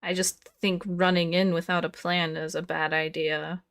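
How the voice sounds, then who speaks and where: A woman playing a tabletop game, soft-spoken and unhurried. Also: fairly low pitch, flat delivery, no room sound, studio quality. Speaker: player.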